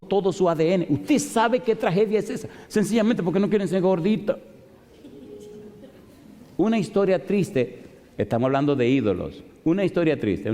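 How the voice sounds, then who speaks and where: A male pastor preaching a sermon, telling a story with animated delivery and rhetorical questions to the congregation. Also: a little high. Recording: long reverb of a large hall.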